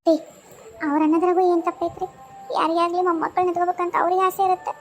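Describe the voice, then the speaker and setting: A woman's voice: very high-pitched, little pitch movement, very fast, soft background music. A woman with a North Karnataka accent voicing a tearful, self-sacrificing young wife in a cartoon, pleading and sorrowful. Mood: resigned. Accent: North Karnataka Kannada. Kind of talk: cartoon voice acting.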